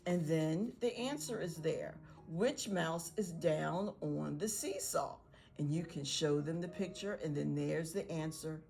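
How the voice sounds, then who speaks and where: A woman teacher explains learning activities to parents in an encouraging way, sometimes acting out bits of dialogue. Her voice sits a little low and has a gravelly fry. She talks like a guide making a friendly how-to video. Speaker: pre-K teacher.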